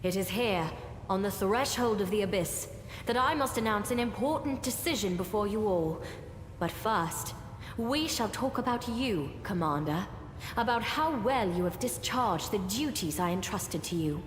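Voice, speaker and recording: A woman playing a stern, righteous crusade leader in a fantasy game, speaking formally with deliberate command. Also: medium pitch, expressive, slight background noise, close to an everyday voice. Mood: solemn, formal. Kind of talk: dramatic fantasy game acting. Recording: echoey hall reverb over music.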